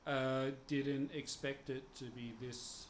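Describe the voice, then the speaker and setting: A game master narrating a tabletop game in an unhurried way, laughing often and using many fillers. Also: mid-range voice, flat delivery, a little hiss or hum.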